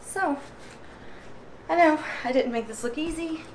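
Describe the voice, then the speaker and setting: A woman's voice: high-pitched, slight background noise. Winded woman chatting through a how-to. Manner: chatty, many ums, pauses while pumping. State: out of breath. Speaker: vlogger. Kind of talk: casual how-to demonstration.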